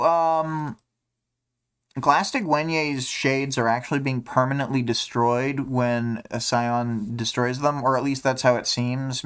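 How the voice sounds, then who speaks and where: A man's voice: medium pitch, smooth. A man hosting a casual livestream, talking through a story chapter and thinking aloud with many fillers and restarts. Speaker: livestream host discussing a web serial.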